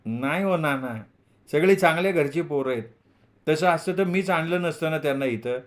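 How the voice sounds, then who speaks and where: A man's voice: a little high, normal speed, pitched above the performer's own voice, natural voice. A man reading a novel aloud, voicing a shy, nervous young male student in a raised, hesitant voice. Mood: hesitant, eager.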